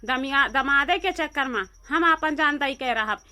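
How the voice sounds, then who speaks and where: A high, bright Awadhi voice for a lovesick village mother who pleads in thick rustic dialect, as a woman acts her out. She sounds like a comic cartoon matriarch. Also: normal speed. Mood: pleading. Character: lovesick older village mother chasing her son-in-law. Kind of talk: cartoon voice acting.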